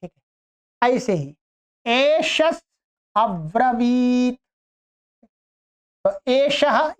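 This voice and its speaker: Slow high-voiced woman teaching grammar. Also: clean tone. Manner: patient step-by-step explaining, slow drawn-out example words. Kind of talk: online grammar lesson. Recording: dull lo-fi recording.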